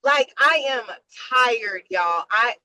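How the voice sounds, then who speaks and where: Tired, frank woman with a bright voice. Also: fairly high pitch, expressive, slow, low-quality recording. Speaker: nurse and webinar attendee. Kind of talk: casual venting on a video call.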